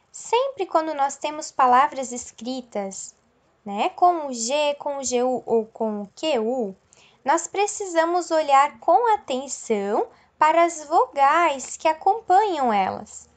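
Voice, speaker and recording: A woman teacher explaining a lesson patiently, checking in with her class and stretching out example words. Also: high voice. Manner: slow, explanatory, checks in with "certo?" and "ok?".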